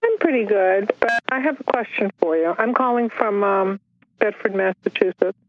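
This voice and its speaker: A woman calls in to a radio talk show, and her voice comes through a phone line. She speaks in a halting, unsure way, stopping and restarting often. The sound is muffled and dull, and her pitch sits in the middle. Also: animated, a little hiss or hum. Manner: halting, hesitant, with many pauses and restarts. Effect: heard over a phone line on a radio call-in show.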